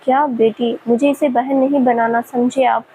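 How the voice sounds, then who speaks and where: A woman's voice: fairly high pitch, steady tone, normal speed, dark tone, slight background noise, close to an everyday voice, rough recording. A woman voicing a young man, a professor son who teases and sulks. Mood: teasing. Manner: mock-grumpy, teasing.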